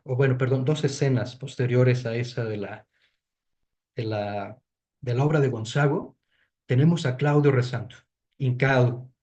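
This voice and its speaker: A man's voice: mid-range voice, a little mellow. A man giving an explanatory lecture to a study group, thinking aloud with frequent restarts and checking in with tag questions. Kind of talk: explanatory lecture on a literary reading.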